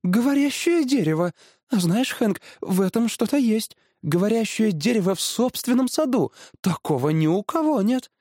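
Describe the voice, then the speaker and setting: A man voicing a fussy, excitable middle-aged mother who gushes. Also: high voice, moderate pace, no room sound, clean studio sound, pitched above the performer's own voice. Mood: gushing. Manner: fussy, gushing.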